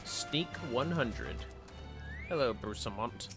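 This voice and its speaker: Game music plays behind a man livestreaming with casual, playful commentary. His medium-pitched voice is expressive and slow-paced, and he swears freely.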